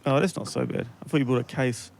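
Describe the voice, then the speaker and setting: A man's voice: mid-range voice, fast talker, creaky, darkish tone. A man hosting a casual podcast chat, laid-back and joking, swearing freely. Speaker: podcast host.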